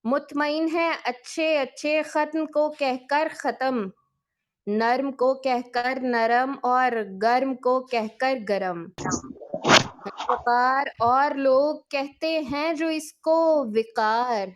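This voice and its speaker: A woman's voice: high-pitched, steady tone. A woman reciting a rhymed Urdu poem in a rhythmic, declamatory way.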